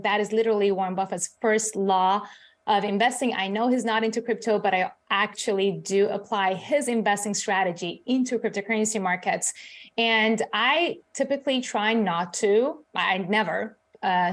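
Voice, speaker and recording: A middle-aged woman born in Iran, a crypto author and CEO, answering in a live news interview in a chatty way, with lots of fillers. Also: medium pitch.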